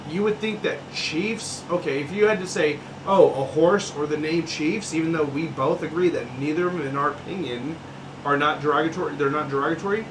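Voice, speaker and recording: Over a noisy background, a male co-host of a casual sports podcast rants with heat and emphasis, swearing frequently. His voice is a little high.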